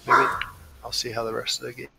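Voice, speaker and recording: A man giving casual gameplay commentary, reacting with quick exclamations over the match. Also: mid-range voice, little pitch movement, gravelly, heavy background noise. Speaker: gamer.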